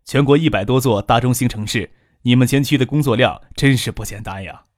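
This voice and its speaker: A man's voice: medium pitch, brisk, no room sound, studio quality, lightly acted. An affable, probing businessman, as a male narrator puts him on.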